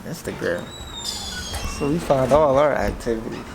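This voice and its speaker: A man's voice: medium pitch, measured pace, creaky, background noise. A man vlogging in casual, slangy, joking talk. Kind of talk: casual vlog chat. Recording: loud crowd chatter around him.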